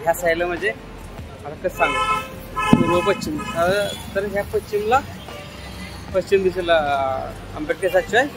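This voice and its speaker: A man's voice: sits high, moderate pace, long pauses, low-quality recording. A man talking casually in a vlog, rambling as he explains directions, recorded on a phone outdoors in a city. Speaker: vlogger. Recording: music playing behind.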